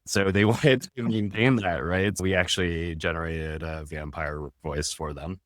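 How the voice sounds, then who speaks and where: A man's voice: low-pitched, fairly even intonation, moderate pace, no echo, studio quality. A man talking casually as a podcast guest, explaining steadily and often tagging his points with "right?". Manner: tags statements with a questioning "right?"; explains steadily, with small restarts. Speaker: guest, restaurant tech founder.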